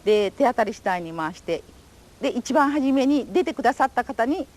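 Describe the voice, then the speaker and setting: A woman's voice: fairly high pitch, lively intonation, normal speed, a little mellow. An older woman giving a recorded testimony interview, telling her memories in polite, formal, vivid storytelling. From Japan. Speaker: atomic bomb survivor giving testimony.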